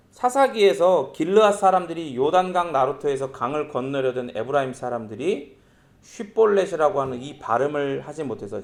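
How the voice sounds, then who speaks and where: A man preaching a sermon as pastor, speaking lively and acting out quoted lines in voices. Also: a little high. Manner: lively, acts out quoted speech in character voices.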